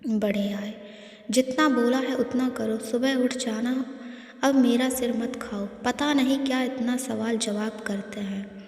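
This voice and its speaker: A woman voicing a sharp-tongued, proud young woman who talks in a snappy, scolding way, in an echoey room. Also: on the high side, steady tone, a little slow. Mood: annoyed. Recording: echoey room with long reverb.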